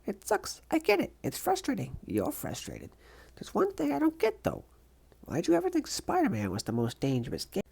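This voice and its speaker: Woman playing a wildly animated young superhero girl. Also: high-pitched, normal speed, creaky, husky, exaggerated voice. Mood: earnest, persuasive. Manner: bubbly, sassy, excitable. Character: young female squirrel-powered superhero, brash, chirpy and earnest. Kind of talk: animated comic dub.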